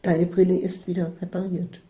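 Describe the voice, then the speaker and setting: Woman reading a level-headed traveler, patient and down to earth, with a dark tone. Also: fairly low pitch, flat delivery, moderate pace, lightly acted, rough recording. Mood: matter-of-fact. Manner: patient and matter-of-fact. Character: calm, capable woman, enthusiastic traveler.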